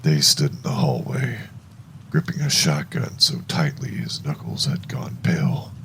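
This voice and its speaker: A man narrating a first-person horror story in a hushed, deliberate, suspenseful way, with a gravelly voice. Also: extremely low pitch, a little hiss or hum.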